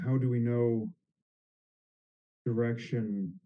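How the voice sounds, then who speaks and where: A man's voice: mid-range voice, fairly even intonation, slow pace, phone-quality sound. A man playing a tabletop game who asks questions and stumbles over his words. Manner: inquisitive, stumbling. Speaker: player. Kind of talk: casual tabletop play.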